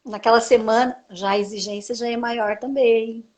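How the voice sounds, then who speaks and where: Woman, speech therapist, slightly high voice, didactic live-stream explainer who asks and then answers her own questions. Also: steady tone, normal speed, a little mellow, dull audio. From Brazil. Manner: frequent tag "né".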